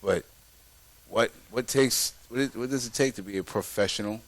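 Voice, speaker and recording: Guy cohosting a podcast, rambles and restarts, medium pitch. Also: normal speed. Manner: rambling, many repeated restarts. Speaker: podcast co-host. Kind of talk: casual chat.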